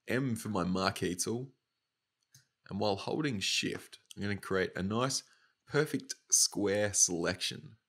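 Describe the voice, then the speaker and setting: A young Australian man with a slightly nasal, stuffy voice, casually talking through a software tutorial step by step. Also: sits low, creaky, slightly rough. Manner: casual, upbeat, talks through each click. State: nasal from hay fever. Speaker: motion design tutor.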